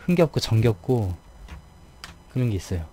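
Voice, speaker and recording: A man's voice: medium pitch, very animated, moderate pace, mellow, slight background noise. A man from the Gyeonggi region of South Korea, chatting casually with his live viewers as a game streamer, throat a bit tired, playfully mimicking how other people talk.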